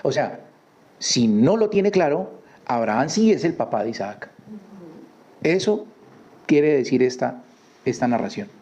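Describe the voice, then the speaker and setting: Man, informal Bible teacher; warm low-key timbre, conversational with rhetorical questions, dull lo-fi recording. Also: big pitch swings, measured pace, long pauses. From Colombia. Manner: conversational, repeats words, asks listeners rhetorical questions. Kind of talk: informal Torah portion teaching.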